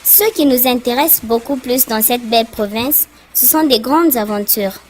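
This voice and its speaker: A woman voices Sonia, a cheerful schoolgirl who narrates a cartoon and introduces her friends in a friendly, explanatory mood. Her voice is a little high at a normal speed, lightly acted, with slight background noise.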